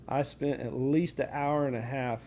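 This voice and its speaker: Male podcast host, warm mellow tone, easygoing storyteller, background ambience audible. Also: mid-range voice, fairly even intonation, moderate pace. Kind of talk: casual storytelling. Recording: clear background ambient noise.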